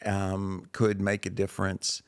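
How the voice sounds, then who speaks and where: A man's voice: low voice, completely flat delivery, a little slow, clean tone, no echo, studio quality. A man with an Arkansas accent hosting an interview podcast in a folksy, encouraging, conversational way. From Arkansas, United States. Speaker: podcast host.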